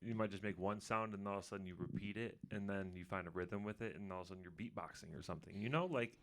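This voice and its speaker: A man with a low voice speaks in a relaxed, hesitant way, often pausing on "uh" and "like". He co-hosts a casual talk and passes on viewer questions. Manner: laid-back, hesitant, with fillers like "uh". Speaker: co-host reading chat questions. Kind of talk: casual chat.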